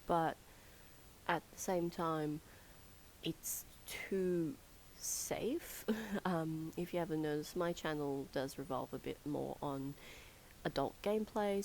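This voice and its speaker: A woman's voice sits a little low and sounds hoarse and croaky from being ill. She rambles casually as she comments over her gameplay, pausing on fillers and breaking into soft laughs. A faint hiss runs underneath. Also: rough recording. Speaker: gaming channel host.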